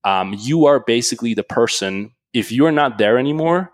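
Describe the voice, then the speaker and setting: A man from Switzerland, a guest entrepreneur on a podcast, talking in an animated, casual way full of fillers and restarts. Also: medium pitch, normal speed, no room sound. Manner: animated storytelling, frequent "like" and restarts.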